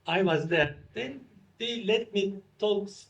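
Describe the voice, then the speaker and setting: High-voiced man in halting English. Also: vocal fry, fairly bright tone, dull audio. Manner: halting non-native English in short phrases. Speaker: interview guest, institute founder. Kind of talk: unscripted interview talk.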